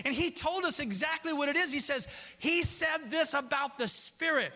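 This is a pastor delivering a sermon to his congregation, with casual asides to them and scripture read slowly and deliberately. The sanctuary's long hall reverb surrounds his voice, which gets higher and louder as he becomes worked up.

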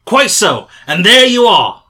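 Surly, combative market trader, played by a man; bright, forceful voice. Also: high-pitched, very animated, full character voice. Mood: smug. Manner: blustering, combative, quick to anger. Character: surly, hot-tempered male poultry salesman. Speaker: market stall salesman.

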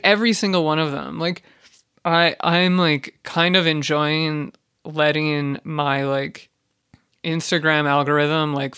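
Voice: medium pitch, fairly bright tone, clean tone. A speaker delivering a casual, exasperated, profane rant, full of fillers and restarts. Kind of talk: casual ranting monologue.

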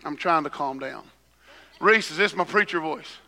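A man preaching a sermon at a pulpit microphone, swinging between soft teaching and loud shouting. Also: on the high side, moderate pace, creaky, noisy background. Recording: long hall reverb.

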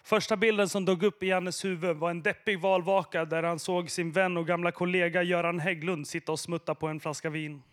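Man, high register, reads a satirical story aloud; steady, occasional slips. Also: hardly any pauses. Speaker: reader.

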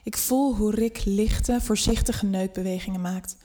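A woman narrating a scripted first-person erotic story in an intimate, unhurried way that drops to a hush at times. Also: medium pitch.

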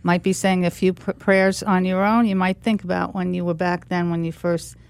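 A woman's voice: lowish voice, level tone, moderate pace, vocal fry, clean tone. A woman hosting a radio interview, who asks friendly, leading questions. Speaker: radio show host.

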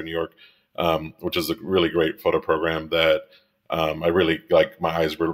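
A man in his thirties from Miami, a commercial photographer and director, talking casually as an interview guest, rambling with many fillers and restarts and laughing easily. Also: low-pitched. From Miami, United States.

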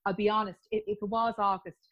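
A woman's voice: medium pitch, little pitch movement, quick pace, lo-fi sound. An Irish woman chatting as an interview guest about her postponed wedding plans, talking freely with frequent laughs and restarts. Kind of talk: casual chat.

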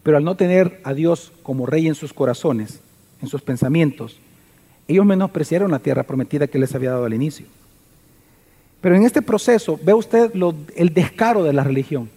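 A man with a high voice preaches in a church hall, and long reverb trails each phrase. He tells the story with animated energy and keeps turning to the congregation with questions. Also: brisk. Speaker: pastor. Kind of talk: sermon.

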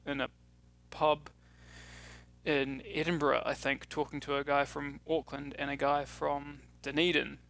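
Gravelly, bright New Zealand man. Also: fairly high pitch, level tone. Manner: halting, many restarts. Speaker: podcast co-host. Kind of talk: casual film podcast chat.

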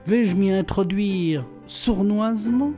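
A man reading an audiobook, voicing a witty, mocking, self-assured gentleman burglar held in a cell. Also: sits high, slow, soft background music, voice pushed up. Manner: playful, ironic, self-assured.

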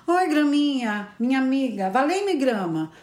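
A woman voicing a gentle young girl who pleads sweetly and slowly for help, in an echoey room. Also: high-pitched, very animated. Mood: pleading.

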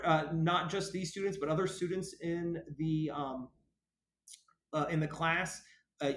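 Halting man in an echoey room. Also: a little high, a bit bright. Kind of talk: casual discussion of a research paper. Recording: echoey, roomy recording.

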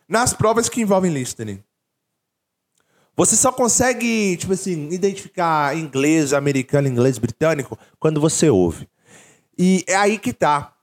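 Young Brazilian male teacher-vlogger, slightly high pitch, punchy and repetitive emphasis. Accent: Brazilian Portuguese. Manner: emphatic, repeats key words, swings pitch widely. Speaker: English teacher YouTuber. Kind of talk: casual energetic vlog talk.

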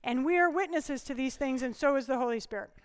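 A woman's voice: high-pitched, fast, clean tone, big-room sound. A woman preaching a conversational sermon with humor, often asking the congregation questions.

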